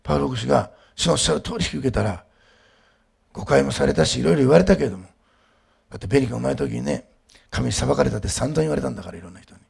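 A male pastor preaching a sermon, moving between quiet storytelling and loud, emphatic declarations. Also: mid-range voice, animated, very fast, creaky, husky.

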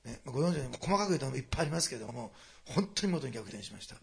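A man preaching a sermon to a congregation, moving quickly between quiet storytelling and loud, animated passages. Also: mid-range voice, vocal fry. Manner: fast, animated preaching that swings from hushed asides to loud climaxes. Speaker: pastor.

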